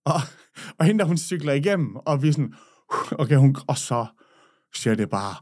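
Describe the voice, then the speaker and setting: A man from Jutland, a podcast guest, telling stories in casual chat and swearing freely. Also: a little high. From Jutland, Denmark. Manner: animated storyteller, swears freely.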